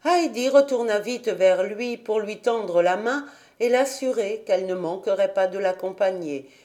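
A woman reading a children's classic aloud as an audiobook narrator in a slow, measured way. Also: mid-range voice, dark tone. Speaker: audiobook reader. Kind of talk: storybook narration.

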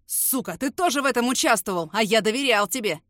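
A woman voicing a hot-headed young man who shouts and curses. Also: fairly high pitch, animated, fast, no echo, studio quality. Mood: furious. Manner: shouting, cursing.

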